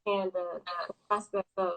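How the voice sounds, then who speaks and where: A woman, talking casually about her clothing brand on a phone call from her office, pausing often with ums. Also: mid-range voice. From New York. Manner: relaxed, hesitant, many ums. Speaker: guest, clothing brand owner. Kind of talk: casual interview on a live video call.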